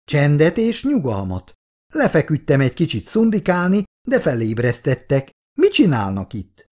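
A self-important older neighbour, woken from his nap, complains in a high, fussy, indignant voice, as a man reads him. His pitch swings widely and his tone stays huffy throughout the audiobook scene. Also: huge pitch swings, darkish tone.

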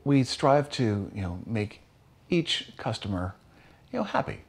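A Pennsylvania barbershop owner in his sixties speaks in a documentary interview, his low-ish, creaky voice a little slow but swinging widely in pitch, hesitant with many fillers and restarts. He sits in a small wood-panelled barbershop in a medium shot, with music in the background.

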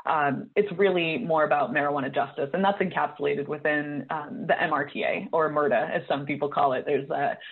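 A woman's voice: low-pitched, steady tone, brisk, gravelly, few pauses, slightly rough. A woman speaking as a policy advocate on a video call panel, fluent and earnest. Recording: tinny phone-like audio.

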